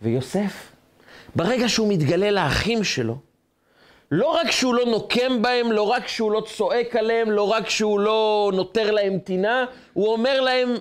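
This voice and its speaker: A man, a rabbi, giving a sermon on the weekly Torah portion, telling the story dramatically in short rhythmic lists. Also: high voice.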